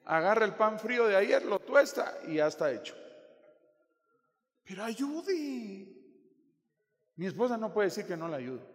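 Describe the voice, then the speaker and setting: Pastor, fairly high voice, playful preaching in a reverberant church. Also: male voice. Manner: joking, animated, addresses listeners as brother. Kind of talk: sermon. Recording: long hall reverb.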